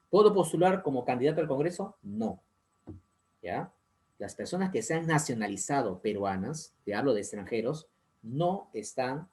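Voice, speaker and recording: A man's voice: medium pitch, darkish tone. A man with a Peruvian accent teaching a civics lesson, explaining step by step, asking rhetorical questions and repeating the key points. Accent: Peruvian Spanish. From Peru.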